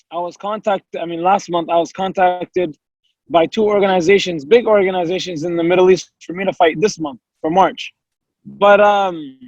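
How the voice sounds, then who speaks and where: Here a professional MMA fighter from the United States, young and high-voiced, speaks earnestly as an interview guest. He rambles freely in long runs, using fillers and quoting what he once said. The sound is dry and dull, with no room sound at all.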